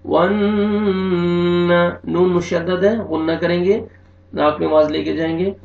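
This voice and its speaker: Urdu-accent guy teaching quran tajweed, stretches out the verses slow, kinda high voice, echoey dull recording. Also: steady tone, gravelly, darkish tone. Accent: Urdu-speaking. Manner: slow drawn-out recitation between plain spoken explanations. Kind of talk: tajweed recitation lesson.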